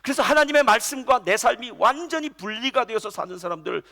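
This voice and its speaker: A middle-aged man preaching a Sunday sermon as senior pastor, with animated delivery that drops to soft storytelling. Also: extremely high pitch, brisk, gravelly.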